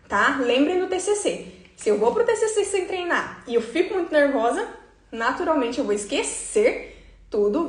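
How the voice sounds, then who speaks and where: Woman psychologist in an echoey room. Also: fairly high pitch. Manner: didactic, frequent tag questions to the audience. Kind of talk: live-streamed talk to followers. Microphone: phone for a social media live.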